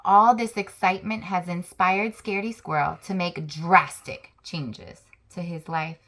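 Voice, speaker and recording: A young adult woman in a lowish register reads a children's picture book a little slowly, keeping it lively and throwing in conversational asides for her young listeners.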